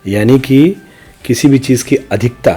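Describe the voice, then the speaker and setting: As a guest on a podcast, a middle-aged senior news journalist offers thoughtful, opinionated answers, hammering points through repeated rhetorical phrases. His mid-range voice is warm and husky, a little slow. Soft background music accompanies him.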